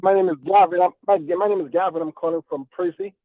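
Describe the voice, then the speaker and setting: A man from Guyana calling in to a radio show, talking fast and repeating himself. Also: high voice, fairly even intonation, no echo. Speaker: caller. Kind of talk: call-in radio caller. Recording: tinny phone line.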